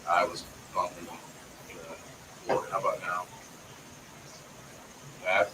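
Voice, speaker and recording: A man's voice: low-pitched, little pitch movement, slow pace. A man hosting a live stream in a rambling, casual way, his microphone crackling and cutting in and out. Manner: rambling, lots of fillers. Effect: crackly mic cutting in and out. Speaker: live-stream show host. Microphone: camera mic instead of desk mic. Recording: noisy distant camera mic.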